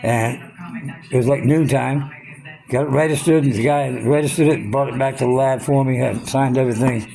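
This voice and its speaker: A man's voice: mid-range voice, steady tone, moderate pace, gravelly, mellow. A man in his sixties ranting angrily about his medical troubles, swearing constantly and repeating himself as he talks. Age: 60s. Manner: profane, heated, repetitive ranting. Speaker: vlogger. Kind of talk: angry personal rant.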